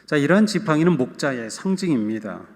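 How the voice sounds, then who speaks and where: A male pastor giving a sermon in a church, relaxed and humorous, speaking directly to his congregation. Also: fairly high pitch, brisk. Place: church sanctuary. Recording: long church hall reverb.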